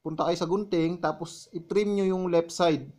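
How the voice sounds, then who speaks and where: A man with a fairly high voice gives a relaxed, chatty tutorial voice-over. He walks listeners through each step in turn and keeps calling them "tol" like old friends. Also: normal speed, slight background noise. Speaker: vlogger explaining his editing.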